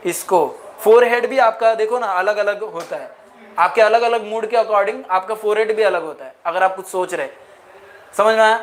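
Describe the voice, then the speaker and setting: A man's voice: sits high, slight background noise. A man teaching a lecture, mixing in English phrases and asking the class questions again and again. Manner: asks the class repeated questions.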